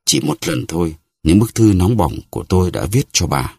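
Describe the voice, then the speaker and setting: A man's voice: low voice, expressive, moderate pace, darkish tone, no echo, studio quality. A man voicing a vain, boastful musketeer who talks haughtily and acts offended. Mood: haughty.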